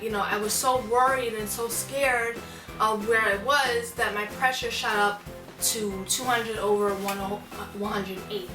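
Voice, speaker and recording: A young adult woman telling a personal story in a casual, informal, rambling way, often repeating words for emphasis. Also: on the high side. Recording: echoey room, distant mic, music behind.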